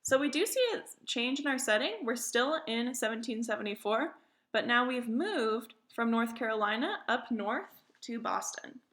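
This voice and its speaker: A woman teacher reading a classroom play aloud and explaining it in a clear, explanatory way. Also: on the high side, animated, moderate pace, a bit bright, echoey room. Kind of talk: read-aloud lesson.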